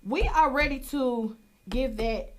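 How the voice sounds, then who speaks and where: A woman hosting a casual live internet radio show, chatty and excitable, repeating herself and giving listeners shout-outs. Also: high-pitched, takes it slowly, slight background noise. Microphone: studio microphone.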